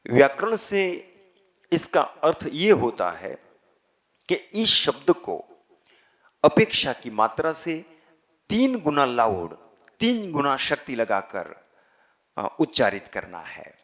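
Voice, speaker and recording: A man teaching how to chant, speaking deliberately and drawing out chanted syllables. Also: medium pitch, wildly swooping pitch, fairly bright tone. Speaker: yoga teacher. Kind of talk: spiritual instruction on chanting. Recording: slightly dull, lo-fi recording.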